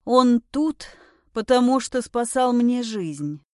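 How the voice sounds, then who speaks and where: A woman voicing a weary, cool-headed woman of forty-two who speaks calmly and coldly. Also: a little high, takes it slowly, no room sound, studio quality. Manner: calm, weary, cold.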